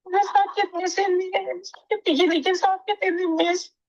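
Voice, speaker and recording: Wanita menangis kesakitan, suara sangat tinggi. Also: female voice, very high voice, fairly even intonation, moderate pace, muffled recording. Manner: plaintive, polite. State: in pain, crying. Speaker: caller, migrant domestic worker.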